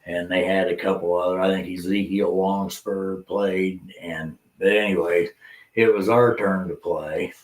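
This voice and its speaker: A man's voice: sits low, steady tone, unhurried. A man from Indiana, a former musician, chatting casually in a laid-back, agreeable way with folksy grammar. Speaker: podcast co-host, former musician. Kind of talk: casual reminiscing chat. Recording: echoey room.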